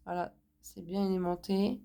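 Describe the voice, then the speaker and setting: Slow, hesitant French woman unboxing crafts. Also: lowish voice, little pitch movement, vocal fry, warm tone, a little hiss or hum. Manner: slow, hesitant, many fillers. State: sick, slightly hoarse. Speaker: crafts vlogger. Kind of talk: casual haul video.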